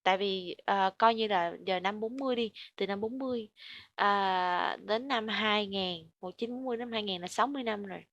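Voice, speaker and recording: Vietnamese-accented woman coaching english pronunciation, says each word slowly then again, bright crisp voice, dry close sound. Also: medium pitch, no echo, dull audio. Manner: models words slowly and repeats them for the learner. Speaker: English teacher.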